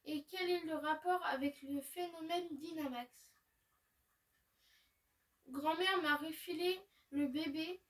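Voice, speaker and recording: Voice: sits high, takes it slowly, pauses often, fairly bright tone, distant mic. A gamer reading aloud the lines of a friendly young female researcher in a video game.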